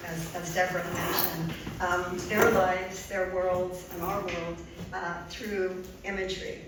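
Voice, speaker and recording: A woman's voice: medium pitch, background noise. An older woman, a poet and art therapist, reading her poems at an open mic, talking earnestly with frequent ums between lines. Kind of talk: live poetry reading with spoken asides. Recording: very echoey room, distant mic, audible ambience.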